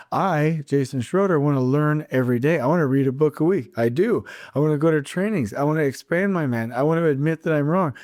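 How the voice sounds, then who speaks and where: A man's voice: on the high side, warm tone, no room sound, clean studio sound. A man hosting his own podcast, talking alone with strong feeling, repeating words for emphasis and restarting his sentences as he goes. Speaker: podcast host. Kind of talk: solo podcast monologue.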